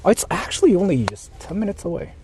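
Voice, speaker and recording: A native Japanese speaker with a Japanese accent chats casually on a livestream, using slang and often repeating himself. His voice is high, sing-song and fast, and faint vehicle noise can be heard.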